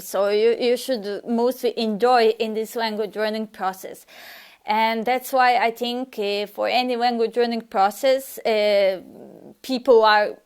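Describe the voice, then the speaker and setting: This woman's voice is clean and a little high. She's a language teacher, a native Serbian speaker, running a relaxed lesson and replying to a viewer with many hesitations and restarts.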